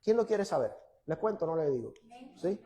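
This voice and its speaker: A male pastor, preaching a sermon to a congregation. He moves from loud, emphatic scripture reading to quiet, teasing asides. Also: a little high, expressive, fairly quick. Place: church before a congregation.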